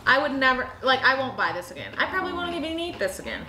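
A young woman with a high, very lively voice chats casually through a tasting. She co-hosts informally, giving her opinions from a table in an echoey room. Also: fast. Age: young adult. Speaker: co-host of a taste-test video. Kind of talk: casual chat, giving taste reactions. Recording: echoey room, faint noise.

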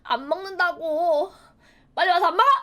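A shrill, impatient middle-aged mother, as a woman acts her out barks orders at her child. Her voice sits very high and loud, each line a sharp nag. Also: expressive, quick pace, heavily acted. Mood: scolding.

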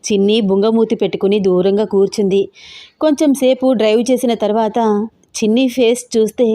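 Warm-voiced woman narrating a love story. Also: medium pitch. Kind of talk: scripted narration of a romance story.

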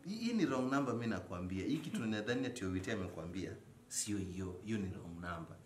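A man plays a young Kenyan husband in a comedy skit, evasive and protesting over and over. His pitch jumps around animatedly, and the room is echoey with faint noise behind him. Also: animated, fast, natural voice. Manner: repetitive, protesting. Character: evasive young husband stubbornly denying everything. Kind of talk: comedy skit acting in everyday conversational speech. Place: small living room, indoors.

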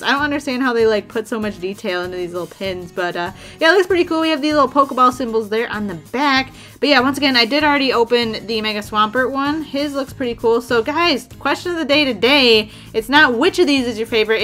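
A bubbly, chatty woman with a slightly high voice hosts a casual unboxing and talks straight to her viewers. Soft music plays faintly behind her. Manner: bubbly, chatty, excitable, addresses viewers as "you guys". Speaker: trading card unboxing host.

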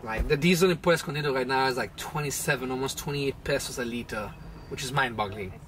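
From a small boat cabin, a man in his thirties, a vlog host and sailor, tells the story of a sailing trip. It's casual travel narration, chatty and relaxed, in a medium-pitched voice at a fast clip.

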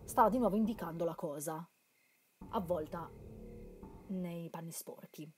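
An Italian woman translating and reading a horror game aloud, moving between quiet narration and loud joking remarks. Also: fairly low pitch, measured pace, faint music behind. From Italy. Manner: reads narration softly then breaks into loud, playful commentary. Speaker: let's play host translating a game aloud.

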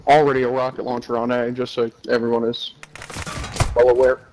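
A man chatting with friends over a headset while playing a shooter, excitable and swearing a lot. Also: mid-range voice, fairly quick, a little hiss or hum, poor audio. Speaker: player in a gaming party. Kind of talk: casual gaming chat. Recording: loud game gunfire behind.

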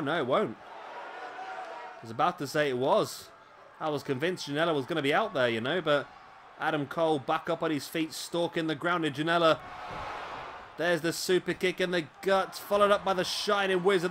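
A man's voice: a little high, a bit bright, slight background noise. Chatty man commentating with hiccups. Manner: chatty, asks tag questions, corrects himself. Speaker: commentator for a wrestling video game. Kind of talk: casual play-by-play commentary.

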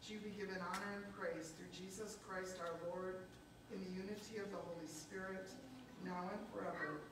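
A woman pastor reads formal liturgy in measured, solemn phrases, her voice echoing through a church. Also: on the low side, fairly even intonation. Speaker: pastor leading a baptism. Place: church sanctuary, recorded from the congregation. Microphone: far camera. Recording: very echoey church, distant mic, noisy.

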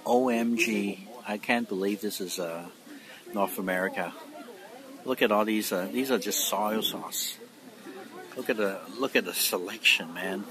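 Slow-talking man filming in a store. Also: on the low side. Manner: amazed, rambling narration with fillers. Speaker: vlogger. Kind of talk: casual walkthrough vlog. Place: large supermarket indoors. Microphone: phone held while walking. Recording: noisy phone recording in store. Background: store ambience.

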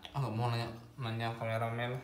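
A man's voice: medium pitch, completely flat delivery, a little fast, reverberant. A man with an Indonesian accent teaching Japanese in a casual video lesson, playful and teasing, laughing often.

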